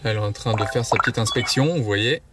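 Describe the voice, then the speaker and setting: A man's voice: lowish voice, quick pace. A man hosting a casual car-spotting vlog, chatting upbeat and directly to viewers from inside a car while demonstrating a gadget. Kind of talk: casual vlog with product demo.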